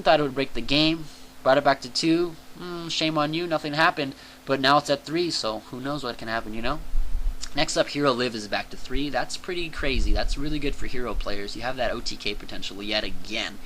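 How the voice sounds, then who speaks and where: A young man casually talking through a card game list for his channel, excitable and chatty, peppering his talk with "dude" and "like". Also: mid-range voice, a little hiss or hum, rough recording. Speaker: channel host reviewing card game banlist. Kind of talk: casual enthusiastic commentary.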